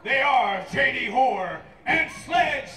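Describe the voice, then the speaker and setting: A man works as a lucha libre style ring announcer, shouting theatrical introductions in a very high voice. He drags out each name slowly. The sound is distant and echoey, with music and a crowd around him. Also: lively intonation. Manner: booming, theatrical, stretches out names. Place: live wrestling event.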